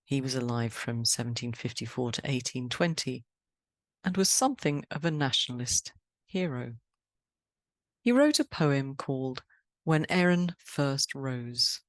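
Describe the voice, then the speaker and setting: A woman from England hosting a poetry podcast, talking in a chatty, brisk, cheerfully emphatic way and interviewing a guest. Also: extremely low pitch, lively intonation, dry recording. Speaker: podcast host.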